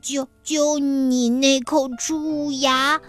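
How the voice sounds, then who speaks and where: A woman's voice: sits high, little pitch movement, extremely slow, faint music behind. A woman voicing squabbling little mice in a children's story, indignant, cocky and blustering. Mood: threatening, blustering.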